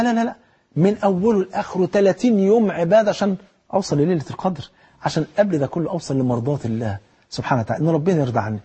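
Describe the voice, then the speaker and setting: Man, Egyptian accent, preacher, rapid-fire delivery, husky raspy voice, exhorting. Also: sits high. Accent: Egyptian Arabic. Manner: lively, exhorting, speaks straight to the listener. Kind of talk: colloquial sermon.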